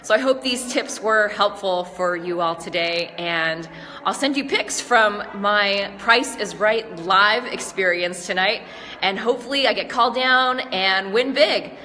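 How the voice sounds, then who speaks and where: A woman's voice: medium pitch, measured pace, bright, forceful tone, slight background noise. Congested woman vlogging in an echoey hall. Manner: upbeat, chatty, asks the viewer questions. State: congested from allergies. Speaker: speaking coach. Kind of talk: casual tips vlog. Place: large stage venue.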